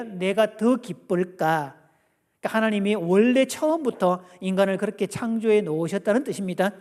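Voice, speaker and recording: A man giving a lively church family seminar, playfully asking the audience questions and acting out quotes. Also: sits high. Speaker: guest seminar lecturer. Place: church sanctuary. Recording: long church hall reverb.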